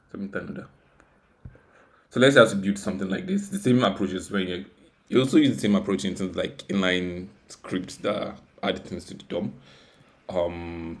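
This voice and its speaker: A deep-voiced man, a software developer acting as tutorial host, gives a casual, unscripted coding walkthrough. He rambles, puts himself down and repeats words and phrases.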